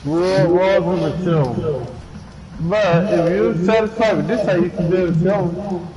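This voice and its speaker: A man's voice: high-pitched, measured pace, poor audio. A young man playing a video game with a friend, chatting casually, boasting about his building and teasing his buddy. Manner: boastful, teasing, laid-back. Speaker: co-player. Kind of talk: casual gaming chat. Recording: loud crowd noise behind.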